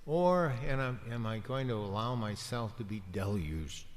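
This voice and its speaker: A man, a deacon, giving a homily in a gentle, conversational preaching manner with pauses. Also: lowish voice, animated. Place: church. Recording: long church reverb.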